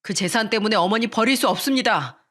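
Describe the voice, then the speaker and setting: A woman's voice: medium pitch, fairly quick, a bit bright, lightly acted. A woman voicing an eldest son who earnestly pleads with and reproaches his father in a narrated radio story. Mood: pleading.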